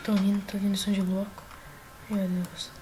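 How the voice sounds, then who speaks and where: A woman with a Brazilian Portuguese accent giving casual gameplay commentary as a gaming YouTuber, excitable and often yelling at the game. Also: medium pitch, moderate pace.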